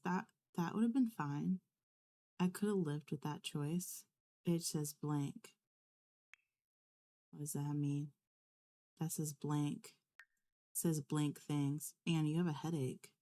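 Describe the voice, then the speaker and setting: Low-voiced woman narrating a game. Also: mellow. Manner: dramatic, exasperated storytelling. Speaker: let's play creator. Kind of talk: game commentary.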